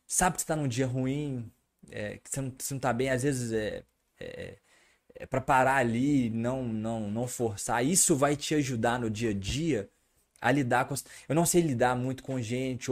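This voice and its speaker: A man co-hosting a casual podcast, getting animated and louder when worked up. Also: mid-range voice. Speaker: podcast co-host.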